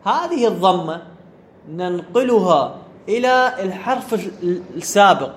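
A high-pitched man teaches a grammar class. He keeps asking whether the point is clear and repeats key words. Faint noise sits under the recording. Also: very animated, measured pace. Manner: asks students questions and repeats key words. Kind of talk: classroom lecture.

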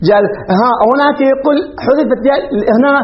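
A man's voice: very high voice, fast talker, slight background noise. A man teaching a grammar lesson, firing questions at his class and laughing often. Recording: dull lo-fi classroom recording.

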